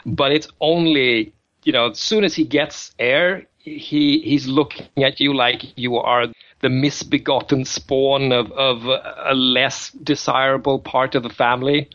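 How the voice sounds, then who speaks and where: A man's voice: mid-range voice, fairly bright tone, highs cut off. A man narrating as game master of a tabletop role-playing game, describing scenes with frequent restarts and fillers.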